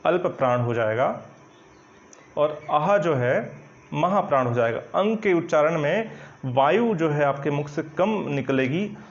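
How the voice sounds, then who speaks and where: A man teaching Hindi grammar in an online coaching lesson, explaining step by step while writing on a board, often checking in with "right?" and pausing with fillers. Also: a little high, animated. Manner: explanatory, repeats "ठीक है ना" often, hesitant fillers. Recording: dull lo-fi recording.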